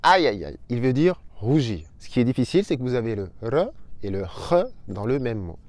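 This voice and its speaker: A young adult man giving an upbeat online language lesson, slowly spelling out sounds for his viewers. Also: medium pitch, sing-song, darkish tone, dry recording. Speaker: Spanish teacher.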